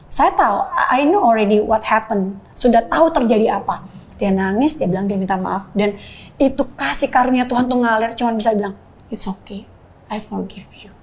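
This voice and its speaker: A woman's voice: fairly high pitch, fairly quick. A woman sharing a personal faith testimony in earnest storytelling, slipping English phrases into her speech.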